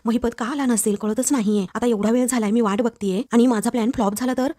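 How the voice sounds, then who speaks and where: A woman's voice: on the high side, steady tone, quick pace, warm tone, no echo, clean studio sound, natural voice. A woman voicing an anxious scheming young woman inside a serial recap. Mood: fretful. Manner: fretful, scheming.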